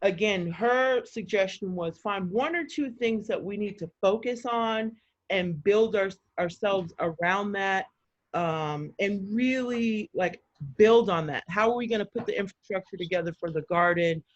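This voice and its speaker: An excited woman chatting casually on a video call as a community organizer, talking fast with lots of fillers. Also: medium pitch. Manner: energized, talks fast with many fillers and quoted voices. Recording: muffled video-call audio.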